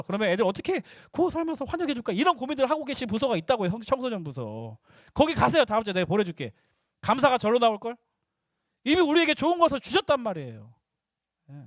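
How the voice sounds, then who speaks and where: A young male youth pastor preaching to middle schoolers, lively and teasing, slipping into casual talk with the teens. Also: very high voice, no room sound, clean studio sound.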